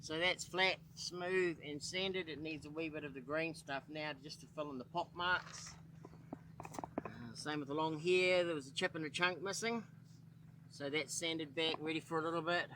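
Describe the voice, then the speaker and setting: Against background noise, a middle-aged man with a New Zealand accent speaks at a moderate pace in a steady, slightly high voice. As the boat owner behind a laid-back DIY boat-repair channel, he talks easily and thinks things through out loud, sounding weary.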